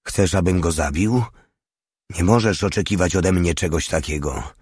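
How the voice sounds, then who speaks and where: A man's voice: low voice, normal speed, darkish tone, slightly rough, no echo, studio quality. A man doing a snarling, crude soldier. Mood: angry. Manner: snarling and abusive. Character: quarrelsome male soldier, crude and accusing.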